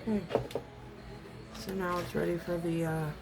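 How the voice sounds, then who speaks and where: A woman with a rough, raspy smoker's voice gives a casual, rambling, self-deprecating hands-on tutorial as an amateur host. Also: lowish voice, flat delivery, moderate pace. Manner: rambling, self-deprecating, loses train of thought.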